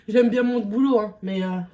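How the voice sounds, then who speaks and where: A woman's voice: medium pitch, dark tone. A young woman vlogger chatting casually through a makeup test, hesitant and full of fillers. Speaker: beauty vlogger. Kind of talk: casual makeup vlog chat.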